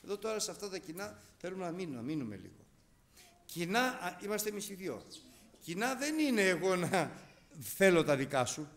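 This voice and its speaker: A man's voice: high-pitched, big pitch swings, fairly bright tone. A middle-aged man preaching a sermon, emphatic and repeating key phrases, telling stories with quoted dialogue.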